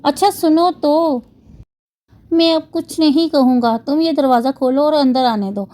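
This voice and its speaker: Woman reading a fed-up husband in his 30s, pleading and helpless, highish voice. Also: warm tone, lightly acted. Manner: helpless, coaxing tone. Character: exasperated 33-year-old husband, pleading. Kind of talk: novel reading.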